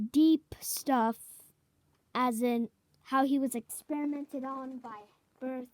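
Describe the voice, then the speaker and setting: High-voiced woman narrating a fan story. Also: darkish tone. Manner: halting, self-correcting, clears throat.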